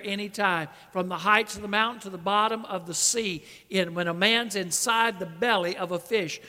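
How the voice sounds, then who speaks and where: A man preaching a sermon in a church, building to emphatic peaks on his lists and dropping soft for his appeals. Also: sits high, long reverb tail. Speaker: pastor.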